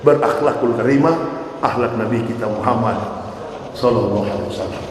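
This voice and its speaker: A male preacher giving a lively, joking sermon that keeps breaking into shouts, in a mosque. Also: mid-range voice, brisk. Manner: animated, joking, bursts into shouts. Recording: echoey hall with long reverb, faint noise.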